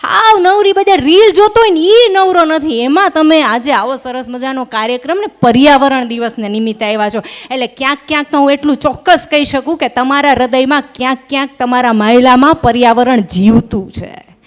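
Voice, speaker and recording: A woman's voice: sits high, brisk. A young woman comedian, doing live stand-up at a microphone and teasing the audience in a chatty way. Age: young adult. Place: live stage at an event hall. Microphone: stage microphone.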